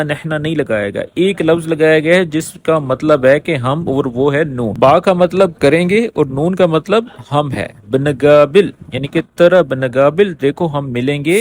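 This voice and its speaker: A man teaching spoken phrases in a lesson. He explains patiently, repeats each phrase slowly and keeps checking that the listener has understood. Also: fairly high pitch. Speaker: Arabic teacher.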